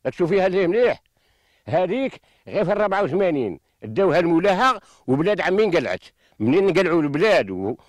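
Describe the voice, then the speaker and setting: A man's voice: a little high, no echo. An older man with a western Algerian accent, a farmer giving impassioned, insistent testimony into a handheld microphone outdoors, repeating himself in an aggrieved manner. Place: outdoors in open farmland. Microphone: handheld reporter microphone.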